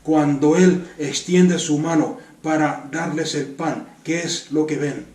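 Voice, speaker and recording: Spanish man, fairly high voice, preaching a sermon from a distance in a roomy church hall. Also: fairly even intonation, slow pace, a little mellow. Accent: Spanish from Spain. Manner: earnest, repeats words for emphasis, asks the congregation rhetorical questions. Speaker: pastor.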